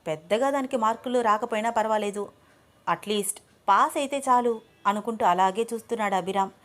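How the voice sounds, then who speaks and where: A woman storyteller giving scripted, expressive narration of a serialized love story. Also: medium pitch, brisk.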